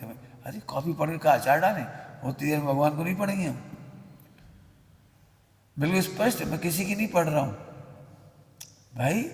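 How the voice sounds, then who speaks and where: Guy preaching a sermon, kinda high voice, blunt and scolding, lots of hall echo. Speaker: religious teacher. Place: temple hall. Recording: echoey hall with long reverb.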